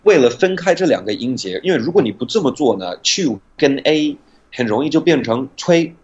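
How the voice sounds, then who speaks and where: Husky low-voiced man, patient teacher explaining pronunciation, dull lo-fi recording. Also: animated, a little mellow. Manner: patient, demonstrates sounds slowly.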